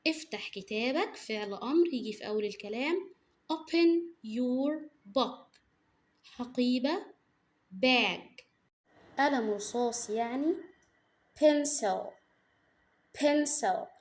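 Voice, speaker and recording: A young woman with an Egyptian Arabic accent teaching a lesson, repeating each word slowly so children can copy it. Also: a little high, expressive. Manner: repeats words slowly for drilling. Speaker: English teacher. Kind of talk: slow explanatory lesson.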